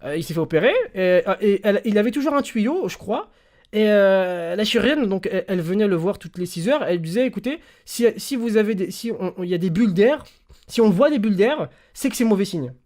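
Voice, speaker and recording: A young man streaming, telling stories in casual slangy chat that swings between loud bursts and quiet mumbling. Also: sits high, animated, brisk.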